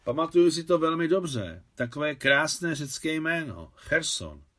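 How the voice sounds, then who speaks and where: A man's voice: a little high, very animated, fairly bright tone, voice pushed up. A man reading as a shy, candid young woman. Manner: plain, artless.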